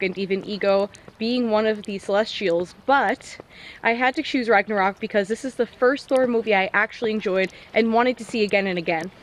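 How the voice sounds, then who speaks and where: A woman's voice: mid-range voice, a bit bright, a little hiss or hum, poor audio. A young woman co-hosting a casual vlog outdoors in the snow, chatting in a bubbly way and laughing often. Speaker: vlog co-host. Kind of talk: casual chat.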